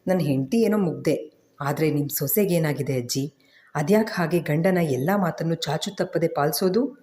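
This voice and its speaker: Earnest young husband in a storybook reading, low mellow voice, a lady reading him. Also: moderate pace, husky. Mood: frustrated. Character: young husband, loving and troubled.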